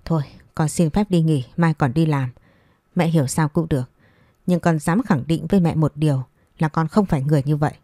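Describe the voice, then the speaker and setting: A woman voicing a soft-spoken young widow. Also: low-pitched, a little fast, no room sound, clean studio sound. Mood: firm. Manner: soft, respectful pleading. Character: patient young widowed daughter-in-law, polite.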